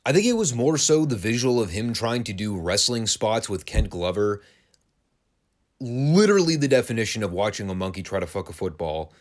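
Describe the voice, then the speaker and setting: A man's voice: on the low side, big pitch swings, moderate pace. A man hosting a wrestling podcast, giving a casual, sarcastic and crude play-by-play review of an old broadcast. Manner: sarcastic, crude, dry humor.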